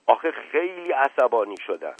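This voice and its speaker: A man's voice: mid-range voice, sing-song, slightly rough, no echo. A man voicing a whiny, spiteful young man who accuses and complains. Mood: whining accusing. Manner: whining, accusing. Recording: narrow phone-like band, dry.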